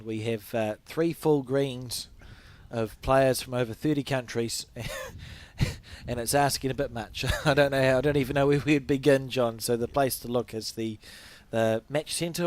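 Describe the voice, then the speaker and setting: A man's voice: medium pitch, fairly even intonation, normal speed, hardly any pauses. Chatty New Zealand commentator man. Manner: chatty, light-hearted banter. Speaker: sports commentator. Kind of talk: live sports commentary.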